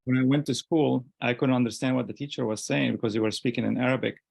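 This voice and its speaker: A man's voice: medium pitch, steady tone, fast, vocal fry, a little mellow, breathy edge, dry recording. A man in his forties, raised speaking French, chatting casually about himself in a somewhat hesitant way. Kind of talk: casual personal chat.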